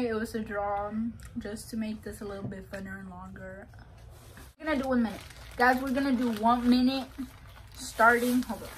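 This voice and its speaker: A woman's voice: a little high, slight background noise, low-quality recording. A young woman chatting casually as co-host of a vlog, recorded in a small room. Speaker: channel co-host. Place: small bedroom, indoors.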